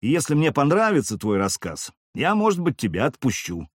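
Man voicing a calm knight, quiet, measured, menacing, dry close sound. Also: medium pitch, slightly rough, no room sound, voice pushed up. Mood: cool. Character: calm, cool-headed male wandering knight.

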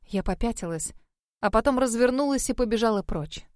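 A woman narrates a fantasy audiobook in the first person. Her reading is measured and expressive, in a voice a little higher than most. The recording is dry and close, with no room sound. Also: no echo.

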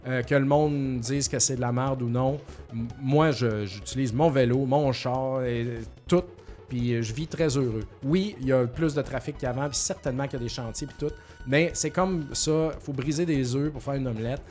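Reading listener questions on his casual podcast, a Québécois-accented man in his forties keeps things talkative, informal and full of slang. He speaks in a mid-range, slightly mellow voice at a moderate pace, with faint music behind him.

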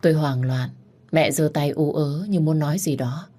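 A woman's voice: deep voice, moderate pace, dark tone. A woman narrating a storybook reading in a solemn, mournful way. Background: faint music.

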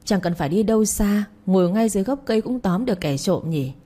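A woman voicing a cold-faced young husband who teases and bosses his wife with a deadpan manner. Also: mid-range voice, quick pace, natural voice. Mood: teasing. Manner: deadpan, teasing.

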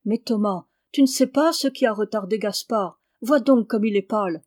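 A woman's voice: medium pitch, normal speed, darkish tone, natural voice. A woman reading the part of a caring peasant mother, anxious and reproachful. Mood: worried.

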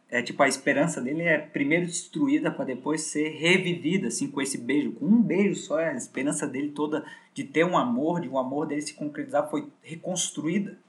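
A man's voice: on the high side, normal speed. A man, hosting a podcast and casually retelling a book's plot in slangy, profane speech full of fillers. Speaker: podcast host.

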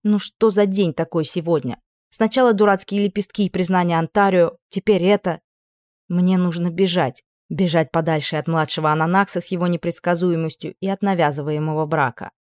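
Woman audiobook narrator, emotional first-person reading, lower voice. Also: fairly even intonation, a little fast, darkish tone, no echo, clean studio sound. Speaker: audiobook reader.

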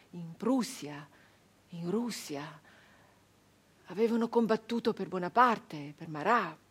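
The actress's medium-pitched voice carries a hushed, uneasy mood as she plays a dreamy peasant woman recalling her girlhood in a dramatic first-person radio monologue. Breathy and halting, she repeats phrases, falls into whispers and then swells to fervent cries.

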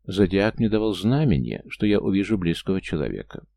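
A man's voice: deep voice, very animated, fairly quick, gravelly, dark tone, no echo, exaggerated voice. A man voicing a falsely sweet, gushing middle-aged aunt in an audiobook. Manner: sugary, effusive.

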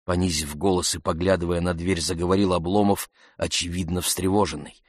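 A man slowly reading a classic novel aloud as narrator, in a measured, even way. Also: low-pitched, no room sound, studio quality. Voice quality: slow, measured delivery. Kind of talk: audiobook reading.

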